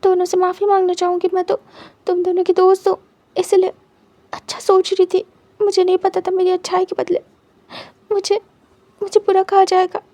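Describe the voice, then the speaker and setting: A woman's voice: very high voice, completely flat delivery, moderate pace, pauses often, warm tone. A woman voicing a young woman friend who talks hesitantly and defensively.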